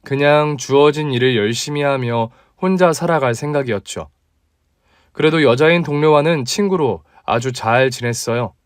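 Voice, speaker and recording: Man in his 30s telling his story, quiet and low-key, plain voice, dry sound. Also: normal speed, clean tone, dry recording. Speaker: narrator. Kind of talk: scripted story narration.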